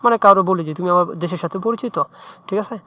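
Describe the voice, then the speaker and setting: A man's voice: high-pitched, fast talker, pushed and bright, no room sound. A man tutoring English in a chatty, informal way, often checking in with "right?". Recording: muffled dry lo-fi mic.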